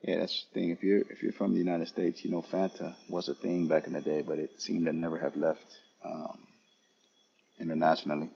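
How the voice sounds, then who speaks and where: Male travel streamer, deep husky voice, casual unhurried tour of an airport lounge. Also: flat delivery, muffled recording. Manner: casual, unhurried, talking to chat viewers. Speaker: travel vlogger. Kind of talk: live-streamed lounge walkthrough.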